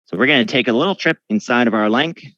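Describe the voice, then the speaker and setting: A man's voice: mid-range voice, fast talker, bright, forceful tone, no room sound, highs cut off. Earnest man guiding a tour. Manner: earnest, solemn retelling of a wartime story. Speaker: museum tour guide. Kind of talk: guided tour storytelling.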